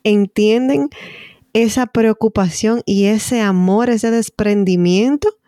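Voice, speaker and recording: A woman's voice: medium pitch, slow, dark tone, no echo. Middle-aged lady explaining things earnestly in a chat, dry close audio. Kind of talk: casual chat.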